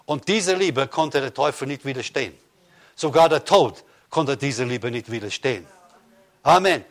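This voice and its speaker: Guy preaching a sermon, fervent, mid-pitched voice, gets loud and rousing, lots of amen and hallelujah. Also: animated, normal speed. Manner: fervent, swells to loud proclamations with repeated Amens and Hallelujahs.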